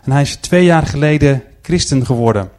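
A man presents to an audience in a church-style setting, talking through a series of slides as he tells his stories earnestly. His voice is fairly high and darkish in tone, his pace fairly quick, and filler sounds crop up often.

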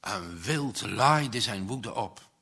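A man narrates a story at an unhurried, measured pace. His voice is very bright and his reading even. It suits an audiobook. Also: lowish voice, creaky, slightly rough.

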